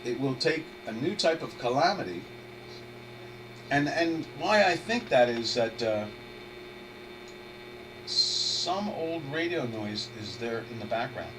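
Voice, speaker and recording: In a mid-range voice, a congested trader hosting a live webinar talks slowly, leaving long pauses. He thinks aloud about the market in a loose, rambling way, often starting sentences over. Steady electrical hum and a distant mic color the recording.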